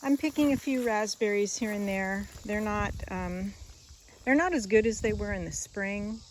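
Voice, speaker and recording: A woman gives an unscripted tour of her garden while walking outside, chatting loosely, rambling and drifting off mid-thought as she shows what grows there. Her voice is medium-pitched at a moderate pace, the audio is poor, and faint crickets and insects are audible.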